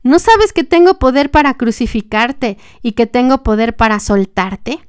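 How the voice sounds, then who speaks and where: A woman reading aloud the slow, pointed questions of a stern male governor in a scripture reading. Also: fairly high pitch, lively intonation, clear, resonant tone, no echo, studio quality.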